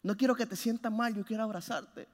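High-voiced man preaching in a reverberant hall. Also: fairly quick. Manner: impassioned, swings from loud urging to hushed low phrases. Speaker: pastor. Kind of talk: sermon.

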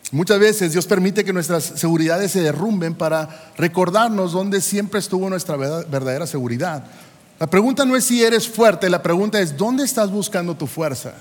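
A man's voice: high voice, moderate pace, big-room sound. A man in his forties, a pastor preaching a sermon, emphatic and full of rhetorical questions. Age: 40s.

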